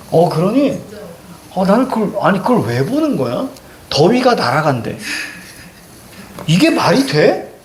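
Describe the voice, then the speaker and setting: A man's voice: sits high, slight background noise. A male teacher giving a classroom lecture, telling stories with jokey asides. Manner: animated storytelling, jokey asides.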